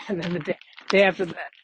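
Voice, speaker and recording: A man's voice: high-pitched, noisy background. A man in his forties hosting a solo podcast, chatting casually in a rambling, self-deprecating way. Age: 40s. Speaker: podcast host.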